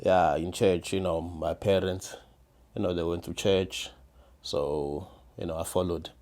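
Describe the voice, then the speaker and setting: Speaking with a deep, mellow, fairly even voice that runs a little slow, this podcast guest is a South African man in his thirties from KwaZulu-Natal who used to be a defense attorney. In a casual interview chat he frequently restarts sentences and repeats words.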